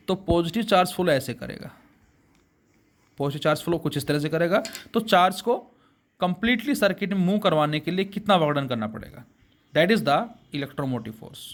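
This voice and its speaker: A man with a high-pitched voice and moderate pace delivers a physics lecture to a class, mixing Hindi and English terms. He refers to his students as beta and raises questions he answers on his own.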